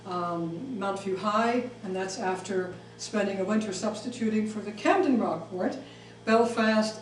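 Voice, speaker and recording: In a darkish, medium-pitched voice, a middle-aged woman raised in Switzerland delivers a talk and responds to the audience, stumbling through frequent ums and restarts. Echo, a distant microphone, and light noise color the audio.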